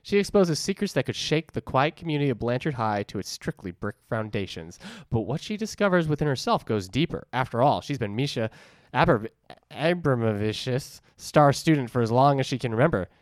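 A man's voice: mid-range voice, sing-song, brisk, dry recording, studio quality. A man with a New England accent, co-hosting a podcast, casually reading book blurbs with jokey asides. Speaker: podcast co-host.

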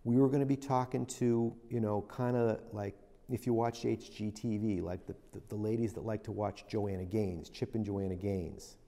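A middle-aged man, a business veteran, tells stories as a guest in a casual interview, reflective and rambling with many restarts. His voice is lowish, mellow and fairly even in intonation, at a moderate pace, and it sounds as though he's in a large hall.

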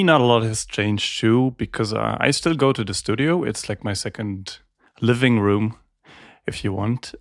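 A man from Germany speaking as an audio engineer guest in an interview, calm and measured, pausing with ums. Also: fairly low pitch, gravelly, no room sound, studio quality. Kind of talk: casual interview talk.

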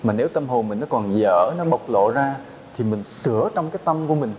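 Monk, easygoing dharma talk. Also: male voice, mid-range voice, expressive, brisk, darkish tone, slight background noise, rough recording. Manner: plain conversational teaching with rhetorical questions. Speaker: Buddhist monk teacher.

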